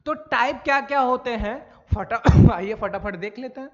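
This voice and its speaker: A man's voice: extremely high pitch, moderate pace. A man teaching a maths lesson, asking and answering his own questions and often repeating key points. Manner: calls students "sir", "bhai". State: coughing now and then. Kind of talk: classroom lecture. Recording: dull lo-fi recording.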